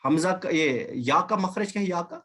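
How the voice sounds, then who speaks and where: A man's voice: high-pitched, lively intonation, a bit bright. A man teaching an online language class over a video call, patiently repeating and drilling examples. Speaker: Arabic teacher.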